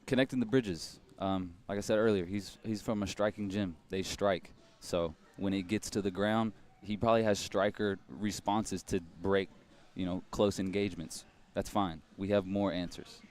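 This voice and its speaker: A man's voice: low-pitched, steady tone, moderate pace, few pauses, a little mellow. A man speaking as an MMA fighter in a pre-fight interview, confident and matter-of-fact about his chances.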